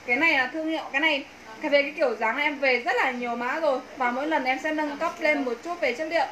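A Northern Vietnamese woman delivers a persuasive live clothing pitch. Her voice is bright and she talks fast and emphatically. It is picked up by a phone in a small, echoey shop room. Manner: persuasive, emphatic sales patter. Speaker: livestream clothing seller. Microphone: phone a few steps away. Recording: roomy echo, faint background noise.

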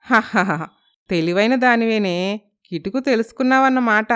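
A woman voicing a sharp-tongued, playful old grandmother in a storybook, scolding and teasing. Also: a little high, moderate pace, clean tone, close to an everyday voice. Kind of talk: storybook narration.

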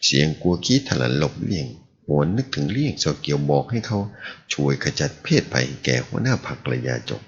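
A man narrates a serialized martial-arts novel in an extremely deep, gravelly voice. His pitch moves in a lively way through the story. The recording is dull and lo-fi. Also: a little fast, a little hiss or hum. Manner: animated storytelling. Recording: dull lo-fi audio.

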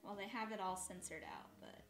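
A beauty vlogger in her thirties does her makeup in her bedroom, chatting in a rambling get-ready-with-me style full of asides and self-corrections. Her voice is mid-range, slightly raspy and dry, and a little fast. The home room sounds echoey.

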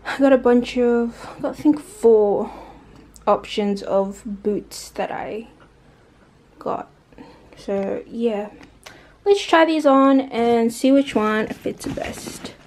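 A woman's voice: fairly high pitch, slow, a little mellow, a little hiss or hum, rough recording. A woman, chatting casually into a handheld camera in a rambling vlog style. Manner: chatty, rambling, filler-heavy. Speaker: vlogger. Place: car, gym and home. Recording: music playing behind.

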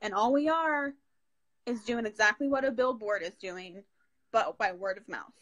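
A woman's voice: medium pitch, moderate pace, a bit bright. A woman with an Oklahoman accent chatting casually on a live video, animatedly retelling conversations with quoted reactions.

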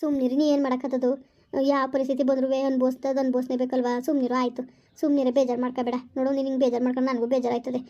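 Woman playing a kind friend calming someone down, fast, mellow voice, lo-fi audio. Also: sits high. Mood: consoling. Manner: soothing, repetitive coaxing. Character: caring young female friend, gently consoling. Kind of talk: village family skit acting. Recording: dull lo-fi recording.

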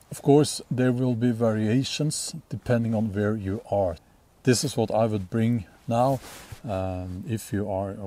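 A Norwegian man with a Norwegian accent, hosting a casual bushcraft gear talk outdoors in a forest, relaxed and rambling with many ums and restarts. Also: fairly low pitch. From Norway. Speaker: bushcraft channel host. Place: outdoors in a sunny forest clearing.

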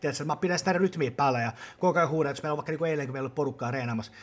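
A man, his voice sitting a little high for a man. He talks bluntly in a casual podcast chat, swears freely and acts out loud quotes. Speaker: podcast host.

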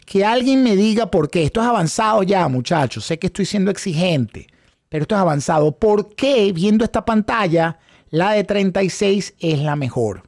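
A middle-aged man with a fairly high voice leads a live online class. He repeats key phrases and drops English terms into his Spanish as he questions viewers. The sound is close and dry, from a desk microphone. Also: expressive, moderate pace, creaky, darkish tone, dry recording. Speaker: instructor in options trading. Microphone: close studio microphone on a desk setup.

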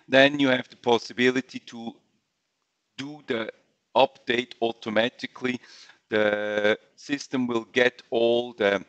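A man walking viewers through software in a screen-share webinar, speaking halting English with frequent fillers and restarts. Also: medium pitch, clean tone, no room sound, dull audio. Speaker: software trainer.

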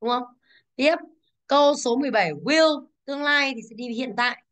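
A woman teaching an English exam class, going briskly through the answers, stressing each English word and asking the class to confirm. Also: sits high, fairly bright tone.

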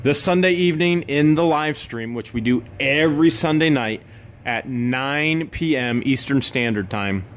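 Male vlogger, unhurried casual delivery with excitable high-pitched outbursts; faint background hiss. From United States. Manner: excitable, bursts into high exclamations over finds. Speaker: storage unit reseller vlogger. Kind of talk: casual unboxing narration.

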